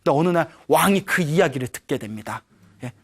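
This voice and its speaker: A woman's voice: low-pitched, a little fast. A woman Buddhist teacher giving a humorous sermon, telling a story and often prompting her audience. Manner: lively, keeps prompting the audience, chuckles.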